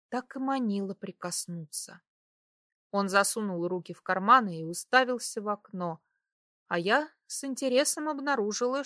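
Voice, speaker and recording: A woman's voice: medium pitch, fairly bright tone, dry recording, studio quality. Woman narrating a romance audiobook. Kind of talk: first-person audiobook narration.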